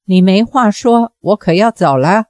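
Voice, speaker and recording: A sulky young swordswoman with a sharp tongue, scolding coldly in a storybook reading, voiced by a woman. Her voice is mellow and unhurried, with a dry, close sound. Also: mid-range voice, expressive, no echo, close to an everyday voice. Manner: cold, scolding.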